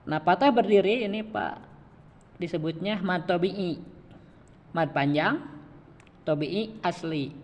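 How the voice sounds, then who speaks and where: A man's voice: high-pitched, takes it slowly, pauses often, dull audio. A man giving a one-on-one Quran reading lesson, patient and repetitive, often checking in with his student. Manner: patient, repeats each point and keeps addressing the student. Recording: reverberant room.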